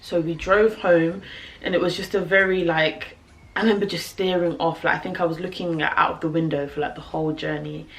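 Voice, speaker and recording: A young British woman telling a personal story to camera, animated and laughing, with lots of fillers. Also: on the low side, a little fast, creaky. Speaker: vlogger.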